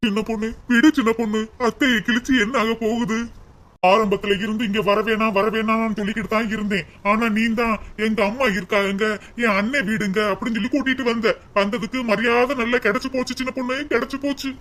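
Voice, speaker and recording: A man voicing a calm, placating son-in-law in a cartoon. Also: sits high, fairly quick. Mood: soothing.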